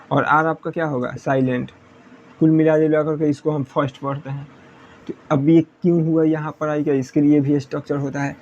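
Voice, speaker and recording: A man's voice: a little high, gravelly, darkish tone, lo-fi sound. A man teaching English pronunciation in a classroom style, repeating points and asking questions he answers himself. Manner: repetitive, asks students questions then answers.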